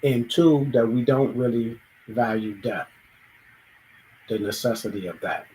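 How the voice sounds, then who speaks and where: A thoughtful show host, speaking alone, reflects out loud and acts out small everyday dialogues, sometimes restarting. His mellow, mid-range voice is unhurried, and the rough recording carries slight background noise.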